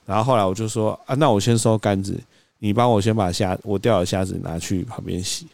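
A man, co-hosting a podcast, telling a story in an animated way and acting out quoted lines. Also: on the low side, a little fast, gravelly, dry recording. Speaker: podcast co-host. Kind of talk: casual storytelling chat.

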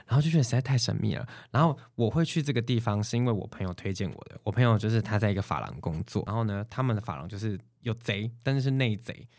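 A man with a Taiwanese Mandarin accent tells stories at a quick clip, his voice sitting a little low. He slips into the voices of the people he quotes. The sound is close and dry. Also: dry recording. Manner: animated, acts out quoted voices. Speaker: podcast guest. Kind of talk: casual storytelling chat.

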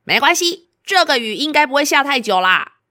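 A woman's voice: sits high, big pitch swings, fairly quick, sharp tone, pitched above the performer's own voice, exaggerated voice. A woman voicing a cheerful, easygoing toucan friend in a children's storybook, sounding soothing and upbeat.

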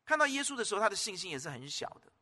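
A male pastor delivers a sermon in a high, bright voice that swoops up and down. He presses his points hard, repeats words and keeps asking the congregation questions. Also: very animated, very fast.

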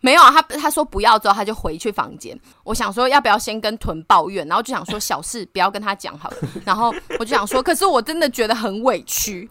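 A woman tells a story in a casual podcast chat, talking fast and laughing easily. Her voice is bright and sharp. The sound is dry and close. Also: fairly high pitch, no room sound. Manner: animated, laughs often while telling a story. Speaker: podcast co-host. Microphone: remote online call.

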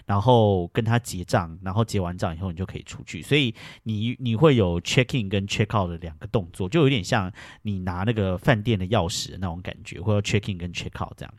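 Brief: male podcast host, rapid lively storytelling on a dry close mic. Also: fairly low pitch, no echo. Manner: animated, retells arguments with bursts of loud indignation. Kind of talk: casual storytelling.

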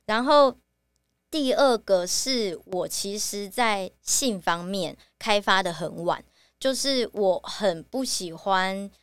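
A young woman with a Taiwanese Mandarin accent, hosting a podcast and telling a personal story in a halting, reflective way. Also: mid-range voice, expressive, smooth, no room sound. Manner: halting and reflective, with many fillers. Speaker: podcast host.

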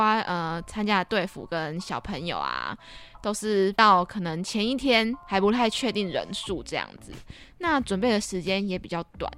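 A young woman with a Taiwanese Mandarin accent hosts a podcast, chatting casually and giggling in a self-deprecating way. Her voice is mid-range and fairly bright, and music plays behind her.

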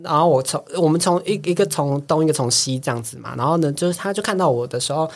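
Fast-talking woman telling lively stories. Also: low-pitched. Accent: Taiwanese Mandarin. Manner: animated storytelling with many fillers, acts out quoted lines. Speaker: podcast guest. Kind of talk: casual chat.

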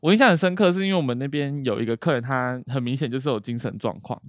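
A young man co-hosting a podcast, telling a story in casual chat with an animated manner. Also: mid-range voice, quick pace, no echo. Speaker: podcast co-host.

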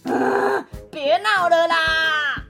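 A woman's voice: high voice, very animated, measured pace, bright, forceful tone, soft background music, heavily acted. A woman voicing a bossy, impatient squirrel in a children's story, scolding and exasperated.

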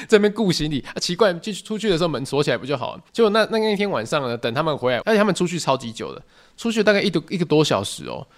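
Fast-talking man. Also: on the high side. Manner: animated, joking, mock-outraged. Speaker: podcast host. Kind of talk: solo storytelling podcast.

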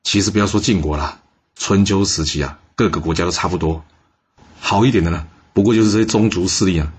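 A man's voice: sits low, slightly rough. A man telling a history story in a chatty way, often putting questions to the listener.

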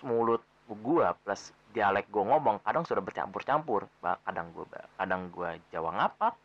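Chatty Betawi man, low lively voice. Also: normal speed, dull audio. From Jakarta, Indonesia. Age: young adult. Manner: loose, rambling, many fillers and self-corrections. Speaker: podcast host. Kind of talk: casual solo podcast talk.

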